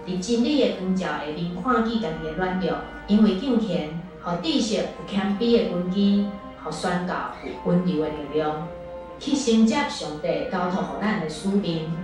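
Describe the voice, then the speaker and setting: Lower-voiced Taiwanese Hokkien woman, very echoey. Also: normal speed. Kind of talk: formal scripted narration. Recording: distant echoey playback with music.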